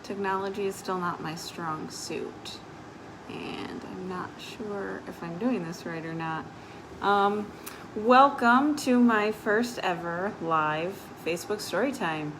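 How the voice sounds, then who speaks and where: On a live stream, a woman with a medium-pitched voice slowly reads picture books aloud for young children. She adds simple, informal explanatory asides, and faint background noise can be heard.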